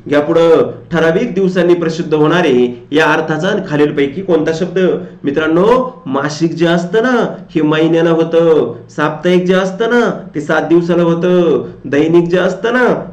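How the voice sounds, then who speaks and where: A man's voice: a little high, reverberant. A man, teaching an exam coaching lecture, who works through questions and repeats them back to his students.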